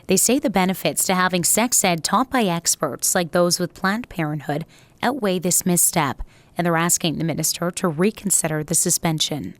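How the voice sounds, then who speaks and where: A woman's voice: fairly low pitch, moderate pace, dry recording. A woman narrating a scripted television news report.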